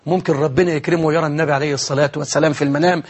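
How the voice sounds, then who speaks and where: A male preacher with an Egyptian accent delivers a televised sermon and closing prayer. His voice sits high for a man and has a husky edge, and he talks quickly. He strings his pleas together earnestly, one after another. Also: fairly even intonation. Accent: Egyptian Arabic. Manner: earnest, fervent supplication in long repeated lists.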